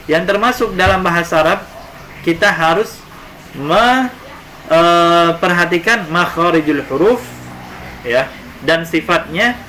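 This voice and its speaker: Slow, bright-voiced male Arabic teacher. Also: a little high, expressive, low-quality recording. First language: Indonesian. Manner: explains step by step, models Arabic phrases then translates. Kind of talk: recorded Arabic lesson. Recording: faint background noise.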